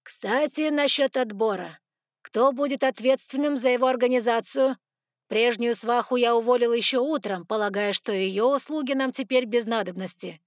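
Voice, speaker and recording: A woman's voice: a little high, normal speed, dry recording, clean studio sound, pitched above the performer's own voice, lightly acted. A woman reading the part of an irritable male dragon official in a storybook audiobook. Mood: irritated.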